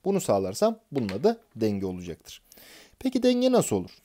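A man's voice: medium pitch, huge pitch swings, moderate pace, mellow. A man teaching an exam prep lesson, explaining concepts step by step and answering his own questions as he goes.

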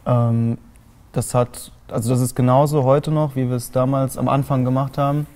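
Man in his twenties, from Saarland, flat steady delivery, dark mellow tone, lots of filler words, small TV studio. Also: medium pitch, normal speed. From Saarland, Germany. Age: 20s. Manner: long explanations with many fillers. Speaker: band guitarist. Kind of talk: studio interview answers. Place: small TV studio with colored lights.

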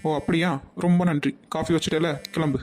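A woman's voice: sits low, steady tone, brisk, slight background noise, voice pushed down, lightly acted. A woman voicing a rude, irritable young man in a cartoon, harsh and dismissive. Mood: scornful. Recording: loud music behind voice.

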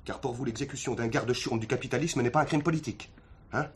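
A man's voice: medium pitch, fast talker, slightly rough. An actor playing a defiant militant man under arrest who mocks the police and preaches politics, in 1970s TV drama style. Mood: preachy. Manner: mocking, clowning, preachy.

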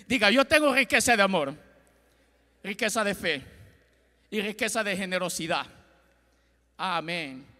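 Speaking at a measured pace with long pauses, this middle-aged Ecuadorian pastor has a high, expressive voice with a sharp tone. He paces a big church stage with a handheld mic, gesturing and drawing call-and-response from the congregation in a Spanish sermon. Long hall reverb fills the recording.

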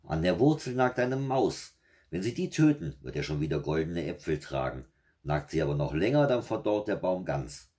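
A man reading aloud and voicing the devil in a fairy tale, a gruff, short-tempered male with a slow, mocking drawl. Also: sits low, big pitch swings, mellow.

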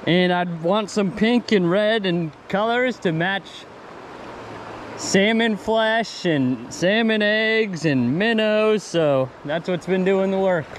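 A man fishing outdoors by a river, calling out excitedly to his viewers as he lands fish, recorded on a head-mounted camera. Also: high voice. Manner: enthusiastic, keeps calling out to viewers. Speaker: fishing vlogger. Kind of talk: excited on-the-spot commentary. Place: outdoors by a river under a bridge. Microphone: head-mounted action camera. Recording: action-camera audio over loud stream noise. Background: rushing stream water.

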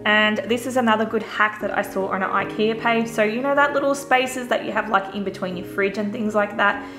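A chatty woman talks through a store haul in a relaxed, easygoing way, full of little fillers. Her voice sits at an ordinary middle pitch. The recording is roomy, with faint music underneath. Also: fairly quick. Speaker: vlogger. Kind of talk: casual shop-with-me voice-over.

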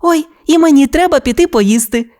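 A woman's voice: high voice, moderate pace, warm tone, pitched above the performer's own voice, lightly acted. A woman voicing a cheerful, bossy little girl in an audiobook tale. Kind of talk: audiobook character voice.

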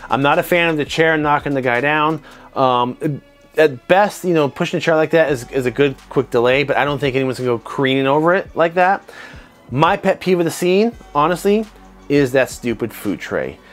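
Animated man breaking down a fight scene. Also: a little high, moderate pace, faint music behind. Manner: animated, conversational, self-described nitpicker. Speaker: martial arts instructor reviewing fight scenes. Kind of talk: analytical commentary to camera. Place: home studio room with desk lamp and monitors. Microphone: clip-on lapel mic.

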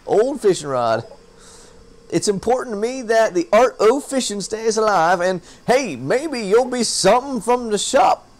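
A man's voice: high voice, sing-song, unhurried, voice pushed up. A man putting on the voice of a folksy old fisherman who runs a shop, with a hearty, rustic drawl.

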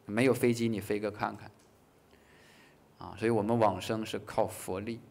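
A man teaching a Buddhist class in a lively way, acting out short dialogues, chuckling, and slowing down on key phrases. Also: fairly low pitch, vocal fry, slight background noise. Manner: slows down to stress key phrases. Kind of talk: dharma lecture.

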